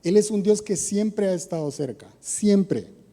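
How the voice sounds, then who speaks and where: Man, Costa Rican accent, sermon, conversational questions, dark mellow tone, long church reverb. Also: high voice, animated, unhurried. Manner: conversational preaching with rhetorical questions. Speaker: preacher.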